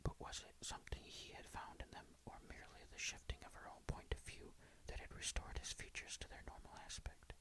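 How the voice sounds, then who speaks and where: A person reading a ghost story aloud in a breathy whisper, hushed and suspenseful, close to the mic. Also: a little fast, hardly any pauses, rough recording.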